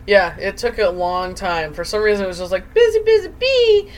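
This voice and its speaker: A woman's voice: lowish voice, fairly even intonation, brisk. A woman co-hosting a podcast in casual, chatty conversation. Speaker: podcast co-host and bartender. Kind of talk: casual chat. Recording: clear background noise.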